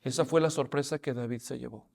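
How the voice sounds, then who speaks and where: A pastor preaching a sermon, telling the story in an animated way and addressing listeners as brothers. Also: male voice, mid-range voice, a little fast, vocal fry.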